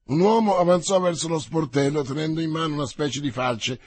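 A man narrating a novel aloud in a measured, theatrical way, as an audiobook reading for radio. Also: on the high side, a little mellow, no room sound.

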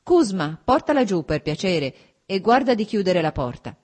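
A woman reading aloud, voicing a fastidious older male intellectual who fusses but is fond of his brother. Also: mid-range voice, big pitch swings, darkish tone, slightly rough, voice pushed up. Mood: fussy.

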